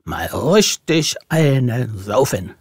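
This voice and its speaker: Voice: mid-range voice, big pitch swings, gravelly, a little mellow, husky, no room sound, studio quality, pitched below the performer's own voice, heavily acted. A narrator voicing a dim, sluggish ox. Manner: slow, sluggish. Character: dim, slow old ox.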